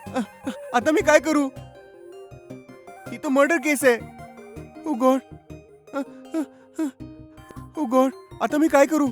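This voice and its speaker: A young man acting a nervous boyfriend in a short film, talking softly and stammering. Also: on the high side, normal speed, long pauses, soft background music, natural voice. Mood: panicked. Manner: soft, hesitant stammering. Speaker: actor.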